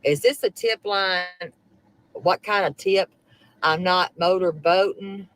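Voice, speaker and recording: A woman's voice: on the low side, slow, a bit bright. A woman leaving a rambling voicemail, muttering curses as she goes. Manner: rambling, curses under her breath. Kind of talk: phone call recording played back.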